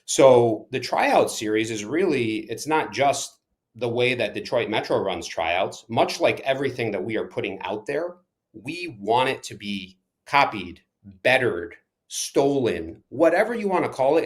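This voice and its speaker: A soccer coach and club manager originally from Ukraine gives emphatic answers in an interview, alternating between rushed phrases and slower ones. He has a mid-range voice with a sing-song quality.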